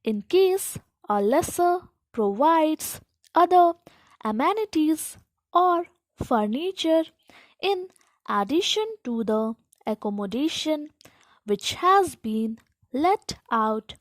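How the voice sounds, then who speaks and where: A woman giving slow school dictation, reading formal text aloud in short, deliberate phrases with pauses between them. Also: high voice, animated, no echo. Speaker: dictation instructor.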